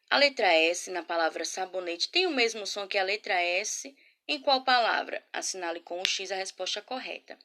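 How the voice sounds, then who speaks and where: Lady teaching kids on camera, bright voice, lots of questions, stretches words out slow. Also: mid-range voice. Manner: patient, slow syllable-by-syllable spelling; affectionate, asks many guiding questions. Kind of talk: remote class lesson. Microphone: laptop or phone camera.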